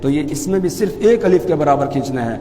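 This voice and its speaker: A man teaching as a mufti, explaining pronunciation calmly and then chanting phrases slowly and loudly. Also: fairly high pitch, long reverb tail, a little hiss or hum. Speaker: mufti teaching the call to prayer. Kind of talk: religious lesson with chanted demonstrations.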